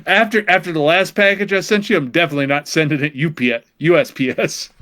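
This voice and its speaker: Stammering, slightly high-voiced podcast co-host. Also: male voice, fast talker, pushed and bright. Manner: stammering, repeats words, casual swearing. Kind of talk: casual comedic banter.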